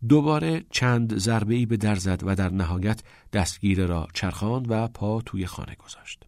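Male audiobook narrator, expressive, gravelly low voice, dry close sound. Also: dry recording. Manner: expressive storytelling reading.

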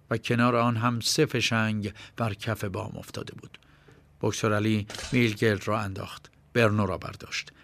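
A man's voice: medium pitch, a bit bright, no room sound. Man narrating a tense story. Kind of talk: scripted audiobook narration.

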